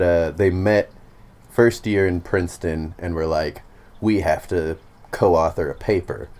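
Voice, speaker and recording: Very low-voiced man, laughing often. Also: gravelly, darkish tone. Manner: laughs often, crude joking. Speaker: podcast host. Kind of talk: casual chat.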